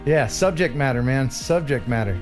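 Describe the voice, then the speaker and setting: A man's voice: medium pitch, normal speed, soft background music. A man hosting a show, chatting casually and jokily about viewer drone footage. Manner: lively, laughs often, jokey asides. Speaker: show host.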